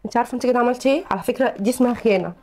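A woman's voice: fairly high pitch, rapid-fire, mellow, soft background music. A woman playing an insistent young Egyptian wife in a comedic family skit, with an Egyptian accent and an indignant, complaining way of talking. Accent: Egyptian Arabic. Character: young Egyptian wife, insistent about her baby's name.

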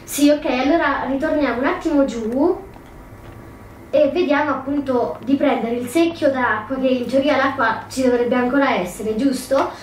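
High-voiced woman narrating her gameplay. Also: moderate pace. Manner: thinking aloud, hesitant, self-correcting. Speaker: gameplay commentator. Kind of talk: casual let's play commentary. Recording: roomy, distant mic, faint noise.

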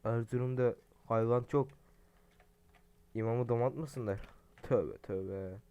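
A young man narrates his playthrough for viewers in a loose, excitable way, swearing freely when things go wrong. His voice is clear and smooth, sitting at an everyday middle pitch. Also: slow, dull audio. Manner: profane, excitable, talks to viewers. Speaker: gaming streamer. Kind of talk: casual let's-play commentary.

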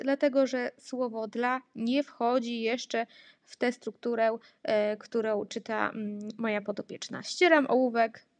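A woman giving a casual voice-over for a craft tutorial, explaining how she makes reading materials for a child she teaches, with many fillers and pauses. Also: on the high side, gravelly, no echo. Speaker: therapist making reading materials.

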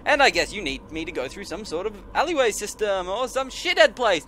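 A man's voice: high-pitched, sing-song, fairly quick, a bit bright, a little hiss or hum. A man streaming a horror game with jumpy, scared, sarcastic commentary full of swearing and exclamations. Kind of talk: casual, profane let's-play commentary. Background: game music.

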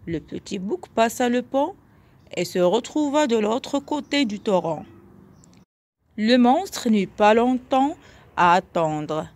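A woman narrating a children's tale as a storyteller, slow and expressive. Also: a little high.

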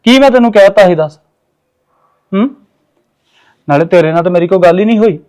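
A man's voice: high voice, animated, quick pace, a little mellow, smooth. A man playing a fatherly elder brother who lectures his younger brother in a family drama. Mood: reproachful. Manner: reproachful, lecturing. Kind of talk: Punjabi family drama acting.

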